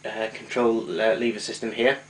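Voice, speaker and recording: In a clearly noisy, clicking recording, a man with a low, flat voice speaks at normal speed. He walks through his vintage tape recorder as a hobbyist, in an informal hands-on demonstration marked by hesitant explanations and repeated self-corrections.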